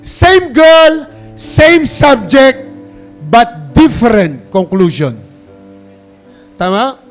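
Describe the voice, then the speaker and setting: A man's voice: extremely high pitch, lively intonation, drawn-out words, soft background music. A pastor preaching a sermon, calling out to the congregation and mixing English phrases into his talk. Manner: preaching with call-and-response, urging applause.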